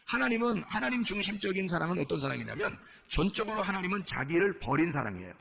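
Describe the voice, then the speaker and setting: Guy preaching a sermon, kinda high voice, super gravelly, keeps asking the church questions. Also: big pitch swings, quick pace, fairly bright tone. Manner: repetitive, asks the congregation questions; conversational preaching with many fillers. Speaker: pastor.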